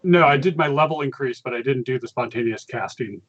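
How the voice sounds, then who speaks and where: Dull, lo-fi chat audio of a man at a tabletop game. He talks casually and haltingly at a middling pitch.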